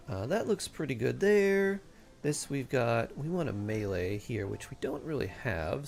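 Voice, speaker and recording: Playful man with very animated, swooping pitch. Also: gravelly. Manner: playful, sing-song filler sounds and vocal sound effects; thinks aloud. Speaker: game streamer. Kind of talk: casual live game stream commentary, chatting with viewers.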